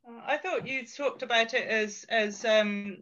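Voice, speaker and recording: A man's voice: very high-pitched, unhurried, bright, forceful tone, a little hiss or hum. A man chairing an academic panel on a video call, reading out audience questions in an informal, self-deprecating way. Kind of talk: moderating a panel. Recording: dull lo-fi sound.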